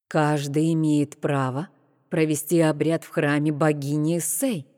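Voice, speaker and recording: A woman reading an audiobook, voicing a serene female temple priestess who speaks slowly, calmly and sternly. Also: low-pitched, long reverb tail. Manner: slow, calm, stern.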